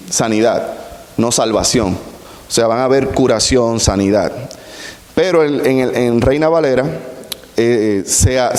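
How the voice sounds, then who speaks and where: A man preaching a sermon, explaining scripture slowly and deliberately with rhetorical questions. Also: mid-range voice, a little mellow. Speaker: pastor. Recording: roomy echo with long hall reverb.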